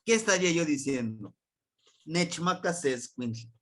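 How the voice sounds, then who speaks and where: A man with a Mexican Spanish accent teaching a language class, repeating words slowly and quizzing his students. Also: a little high, animated. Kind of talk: classroom grammar lesson.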